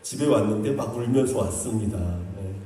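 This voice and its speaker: A male pastor preaching a sermon in an animated way, sometimes quoting God in a fatherly voice. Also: on the low side, a little fast, slight background noise. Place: church sanctuary. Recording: echoey church sanctuary, mic at a distance.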